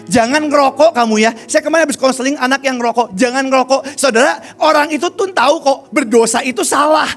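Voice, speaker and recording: A man preaching a sermon, telling a personal story and often calling his listeners "brothers and sisters", dropping to a hush and then rising to shouts. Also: very high-pitched, gravelly. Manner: storytelling, addresses listeners as "saudara", swings from hushed to shouting. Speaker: evangelist preacher.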